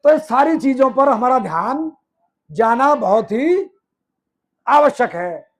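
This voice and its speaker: With a very high, expressive voice and a slow pace, a man speaks to an audience as a movement speaker. His political speech is emphatic, built on rhetorical questions he answers himself and lists of repeated phrases.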